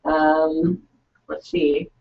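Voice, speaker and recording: A young woman chats casually as co-host of a live online writing session, her voice low-pitched with a gravelly edge. She sounds set back from the microphone, and the recording is dull and lo-fi. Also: little pitch movement, drawn-out words. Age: young adult. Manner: laughs often, reads comments aloud. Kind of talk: casual chat. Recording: distant mic, dull lo-fi sound.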